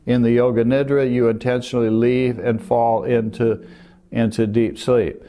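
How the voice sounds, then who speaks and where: An older man teaching meditation, explaining calmly and gently while pointing to a diagram. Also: mid-range voice, moderate pace. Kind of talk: calm spoken lesson.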